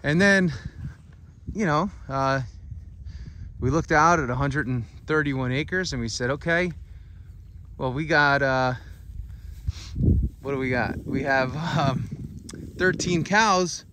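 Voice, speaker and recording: A man with a slightly high voice rambles through a casual farm story, full of fillers and restarts. He is recorded outdoors on a handheld phone, with plain outdoor noise, geese and cattle behind him. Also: slow, long pauses, bright, forceful tone. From United States. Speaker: farmer and channel host. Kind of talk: casual walk-and-talk vlog.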